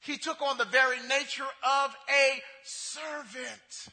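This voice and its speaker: Preaching a sermon slowly and with a steady tone, this male pastor has a strikingly high, piercingly bright voice. He stammers, restarts and repeats himself, shifting between loud passion and hushed asides, all wrapped in the long reverb of a church sanctuary.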